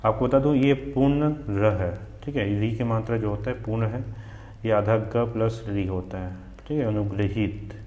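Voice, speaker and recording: A Hindi teacher from Chhattisgarh with a regional accent drills exam spellings, asking questions and answering them himself. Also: male voice, fairly low pitch, normal speed, warm tone, echoey room, muffled recording. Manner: repetitive drilling, asks then answers himself. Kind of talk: spelling lesson for exam students.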